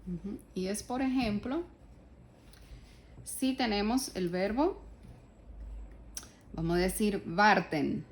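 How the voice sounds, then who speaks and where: A woman's voice: medium pitch, slow, long pauses, darkish tone, a little hiss or hum. A woman teaching a German grammar lesson in Spanish, explaining patiently step by step and asking her students rhetorical questions. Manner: addresses the class as "ustedes", asks rhetorical questions. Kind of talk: spoken language lesson.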